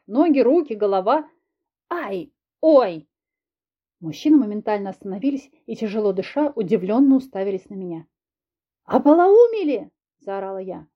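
A woman narrating a first-person audiobook in a lively, expressive reading, in a dull lo-fi recording. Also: on the high side. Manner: lively, expressive reading with raised shouted quotes.

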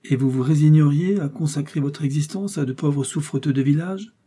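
A composed young princess voiced by a man, courteous but distant, giving nothing away. The voice sits a little higher than plain narration and carries a dark, mellow, slightly husky tone in this audiobook reading. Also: fairly quick. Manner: cool, polite and reserved. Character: proud calm young princess, woman.

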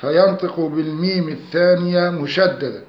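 A man giving a scripted recitation lesson, explaining rules in a measured, steady delivery. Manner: measured, slows to recite examples with nasal humming. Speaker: tajweed teacher. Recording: echoey dull low-fi room recording.

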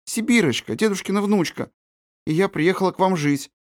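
A man's voice: sits high, fairly quick, no echo, clean studio sound, voice pushed up, lightly acted. A man voicing a shy little orphan girl. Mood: pleading. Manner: timid and pleading.

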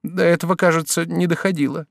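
A man voicing a timid, frightened young woman who pleads in a drawn-out high voice. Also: steady tone, gravelly, no echo, clean studio sound. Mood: ashamed.

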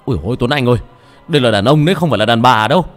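A man's voice: medium pitch, expressive, very fast, pitched above the performer's own voice, lightly acted. A man voicing a worried middle-aged father who questions his son urgently, with faint music behind. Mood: alarmed.

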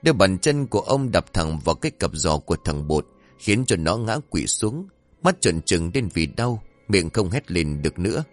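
A man narrating a story in an expressive, dramatic way, with faint music behind. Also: low-pitched, normal speed.

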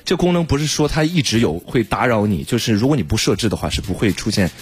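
A man's voice: medium pitch, expressive, quick pace, slightly rough. A male radio co-host explaining a phone app in casual studio chat, often repeating himself to stress a point.

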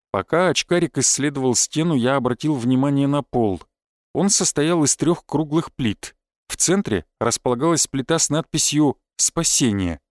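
Guy reading an audiobook, measured first-person telling, kinda high voice, super dry. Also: no echo. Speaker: audiobook narrator. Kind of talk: scripted narration.

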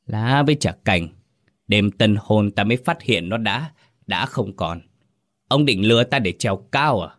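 A man's voice: lowish voice, lively intonation, unhurried, a bit bright. A man voicing a contemptuous young official's son who scorns and threatens an old man. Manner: sneering, menacing.

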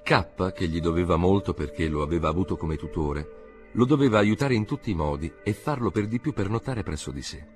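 Deep-voiced man narrating a literary audiobook. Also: animated, brisk, a little mellow, faint music behind. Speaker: audiobook reader. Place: recording studio.

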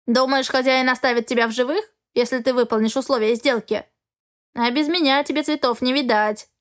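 Woman doing a grumpy old male raven, senile, snorting, scolding, storybook, fairly high voice. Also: steady tone, a little fast, close to an everyday voice. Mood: grumbling.

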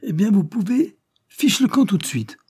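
A man voicing a burly, pompous middle-aged detective chief who bullies and lectures his men, in a raised, hectoring voice with a husky edge. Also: medium pitch, expressive, normal speed, mellow, dry recording, clean studio sound. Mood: furious.

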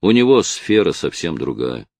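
A man voicing a stern, weary male police officer who speaks quietly and firmly. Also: deep voice, very animated, normal speed, gravelly, no room sound, full character voice.

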